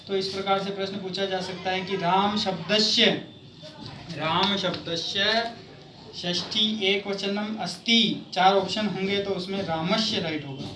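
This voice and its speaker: A man teaching a Sanskrit grammar lesson in speech, explaining slowly and chanting word forms in a sing-song way. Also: high voice, steady tone. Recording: echoey room, mic far off, noisy.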